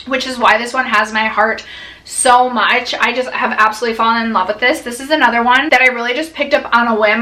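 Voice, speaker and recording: Bright, gushing young woman vlogger. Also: on the high side. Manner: chatty, gushing, filler-heavy. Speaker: beauty vlogger. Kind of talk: casual product review.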